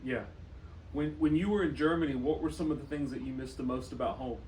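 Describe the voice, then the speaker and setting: A man interviewing someone, asking gentle, conversational questions. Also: medium pitch, fast. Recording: roomy echo, distant mic, faint noise.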